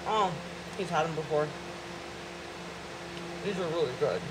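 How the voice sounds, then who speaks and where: A woman's voice: deep voice, expressive, measured pace, heavy background noise. A woman vlogger talking while chewing, gushing with enthusiasm in a casual taste-test at home. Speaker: food vlogger.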